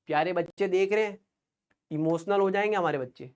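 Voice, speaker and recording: A man's voice: sits high, fairly quick, smooth. A young man teaching a live online chemistry class, chatty and playful, joking with students between quiz polls.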